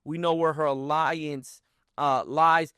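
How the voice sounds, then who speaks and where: A male talk show host with a somewhat high voice discusses politics in a measured, hedging manner. He often stops to qualify his points. The recording is dry and close. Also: fairly even intonation, pushed and bright, smooth, dry recording. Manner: measured, hedging with fillers and restarts.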